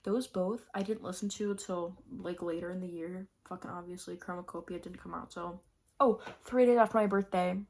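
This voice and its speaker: A woman's voice: on the low side, fairly even intonation, a little fast, a little mellow. Gushing young woman rambling about favorites. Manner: gushing, rambling, lots of fillers. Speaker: vlogger. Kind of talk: casual year-favorites chat.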